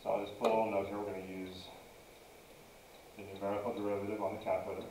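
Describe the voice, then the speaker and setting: A man's voice: on the low side, flat delivery, fast talker, darkish tone, a little hiss or hum. Guy teaching math, kinda far from the mic w/ echoey room, dictating steps bit by bit. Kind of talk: step-by-step lesson narration, working through a problem. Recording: dull, roomy, distant mic.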